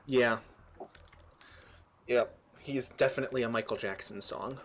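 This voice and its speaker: A man's voice: medium pitch, steady tone, a little slow, slight background noise. Rambling man streaming a strategy game. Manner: rambling, trivia-filled explanations with frequent restarts. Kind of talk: casual gameplay chat.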